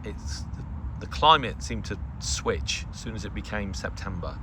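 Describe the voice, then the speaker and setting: A middle-aged man hosting a radio hobbyist video gives a casual, unscripted update from a garden, rambling hesitantly into asides. His voice is on the low side, animated and at normal speed, with outdoor ambient noise in the recording.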